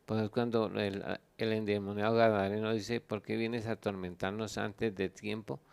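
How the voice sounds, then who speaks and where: A man's voice: lowish voice, level tone, vocal fry, a little mellow, smooth. A man, a pastor, answering Bible questions and reading scripture aloud, stopping to look up verses. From Colombia. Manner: explains at length, reads scripture aloud, pauses to look up verses. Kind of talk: Bible teaching Q&A.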